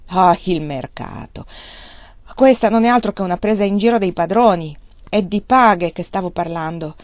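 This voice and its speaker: A woman's voice: lowish voice, moderate pace, a little mellow, dry recording, clean studio sound, natural voice. A woman reading the part of a blunt, angry middle-aged male mill worker, defiant and scornful.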